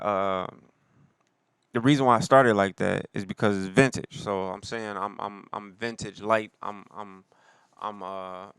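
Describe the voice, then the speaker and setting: Man, rapper-producer, laid-back slangy talk, very smooth lowish voice, dry close sound. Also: fairly bright tone, no echo. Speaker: rapper and producer talking about his album. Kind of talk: casual solo talk.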